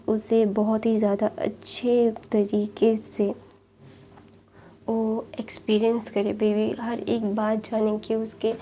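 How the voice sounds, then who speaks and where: Mellow-voiced woman retelling a story. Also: on the high side, slight background noise. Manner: chatty, many fillers. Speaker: story narrator. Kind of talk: casual fan fiction retelling.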